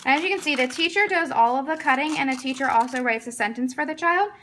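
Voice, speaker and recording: A woman's voice: sits high, fast talker, fairly bright tone, a little hiss or hum. A woman teacher giving an instructional demonstration, explaining each step and coaching a student along.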